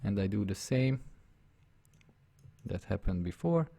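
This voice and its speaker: Gravelly, husky and mellow, his lowish voice is very animated yet a little slow, with the Hungarian accent of a native speaker. He talks through a live drawing tutorial step by step, narrating what happens on screen and repeatedly checking that viewers follow.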